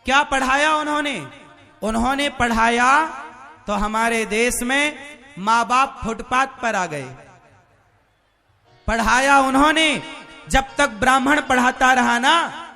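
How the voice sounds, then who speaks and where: Fiery preacher guy, super high voice, slow deliberate delivery, keeps grilling the crowd for answers. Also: vocal fry, bright, forceful tone, faint music behind. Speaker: spiritual preacher. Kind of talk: sermon to a live gathering.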